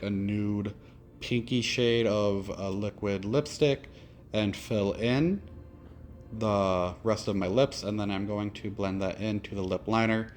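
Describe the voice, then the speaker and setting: Low-voiced man with a lisp. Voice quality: lisp, slushy s sounds. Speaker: drag performer doing a makeup tutorial. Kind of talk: casual makeup tutorial voice-over.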